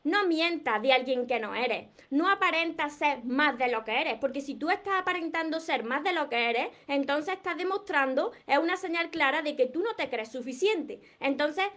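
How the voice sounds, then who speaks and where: A woman from southern Spain with a clear Andalusian accent speaks to her viewers during a live stream. Her voice sits high, and she keeps driving home her self-esteem advice with earnest repetition. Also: expressive, normal speed, few pauses, fairly bright tone. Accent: Andalusian Spanish. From Córdoba, southern Spain. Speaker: dating and self-esteem coach. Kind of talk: live-streamed motivational talk.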